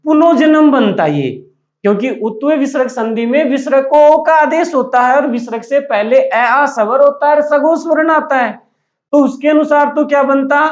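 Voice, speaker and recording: A man's voice: extremely high pitch, moderate pace. A man teaching a grammar lesson to a class, asking questions and answering them himself and repeating the key words. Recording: dull, echoey room recording.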